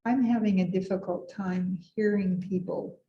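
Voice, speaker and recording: A woman audience member making a plain, measured remark at a meeting. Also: medium pitch, fairly even intonation, mellow, lo-fi sound. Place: indoor room at a book club meeting.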